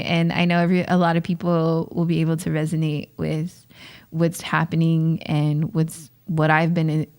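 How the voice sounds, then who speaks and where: A woman's voice: sits low, a little mellow, smooth. A young woman hosting her own podcast, giving an unscripted motivational talk in loose slang, laughing often and calling her listeners fam and gang. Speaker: podcast host.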